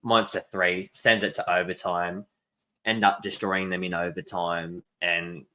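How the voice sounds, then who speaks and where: Deep, bright-toned young man. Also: little pitch movement, unhurried. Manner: enthusiastic, joking. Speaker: podcast co-host. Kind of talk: casual podcast chat.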